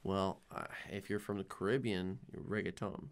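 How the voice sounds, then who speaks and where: A young man, a podcast co-host, talking in a casual, jokey chat that swings between loud and quiet. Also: sits low, steady tone, normal speed, clean tone.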